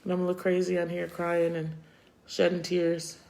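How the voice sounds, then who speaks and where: A woman's voice: lowish voice, monotone, moderate pace, creaky, dark tone. A middle-aged woman hosts a casual live chat, talking straight to her viewers. She speaks her mind bluntly and turns tender and emotional, getting choked up as she talks. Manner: opinionated, reacting to viewer comments. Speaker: host of a live chat show.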